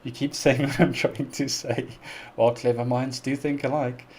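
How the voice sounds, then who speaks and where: On a casual live stream, a South African man who makes music reaction videos on YouTube answers questions in a chatty, earnest way, often laughing and pronouncing words very carefully. His medium-pitched voice is darkish and level, delivered at a moderate pace, with a bit of hiss or hum in the background.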